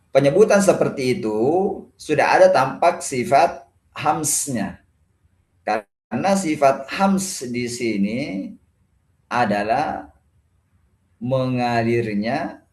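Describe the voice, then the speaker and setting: A man teaching Quran pronunciation with an Indonesian accent, explaining patiently and demonstrating letter sounds by repeating syllables. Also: on the low side. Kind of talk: religious lesson on pronunciation. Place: mosque hall. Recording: echoey mosque room.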